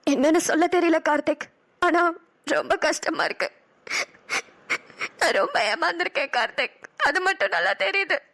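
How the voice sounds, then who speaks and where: A woman's voice: moderate pace, creaky, long pauses, full character voice. A woman voicing a heartbroken young woman in a cartoon drama, speaking in a pleading, sobbing way. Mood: tearful. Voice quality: high bright girlish voice. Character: heartbroken young woman Kanmani, tearful and hurt.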